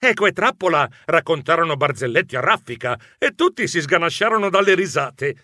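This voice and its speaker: Expressive male audiobook narrator, fairly high and bright, storybook read. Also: a little fast, no room sound, clean studio sound. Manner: expressive, animated.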